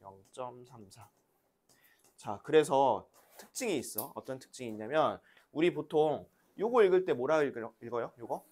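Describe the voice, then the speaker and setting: A woman's voice: rumbling low, expressive, moderate pace, few pauses, darkish tone. A teacher leads a class of young children through a math lesson, her voice rising and falling a great deal as she asks questions and waits for answers. She sounds like a woman speaking in a classroom, patient and coaxing as she has the children repeat after her. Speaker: elementary school teacher.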